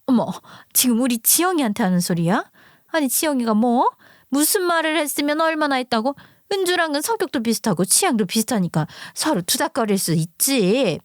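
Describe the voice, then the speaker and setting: A woman's voice: sits high, animated, brisk, no echo, studio quality, pitched above the performer's own voice. A woman voicing a dismissive, snippy middle-aged mother who scoffs and gets defensive. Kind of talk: storytelling acting.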